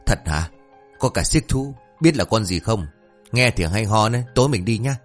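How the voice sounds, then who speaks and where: A man voicing a grumpy old male village sorcerer who curses quickly and talks gruffly, over faint music. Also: lowish voice, lively intonation. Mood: eager.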